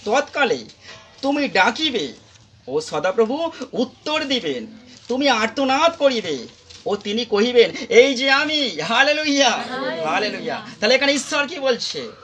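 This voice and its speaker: High-pitched Bengali preacher man. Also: fairly bright tone, a little hiss or hum. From India. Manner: repetitive, emphatic preaching with rising calls. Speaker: pastor. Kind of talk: sermon.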